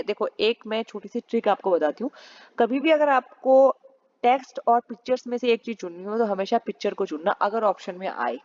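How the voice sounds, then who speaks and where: A woman teacher gives a recorded exam-prep lesson from home, reading each question slowly before explaining it at a brisker pace. Her voice sits at a middling pitch. The home recording sounds muffled and lo-fi. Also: a little mellow. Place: home, festival firecrackers outside.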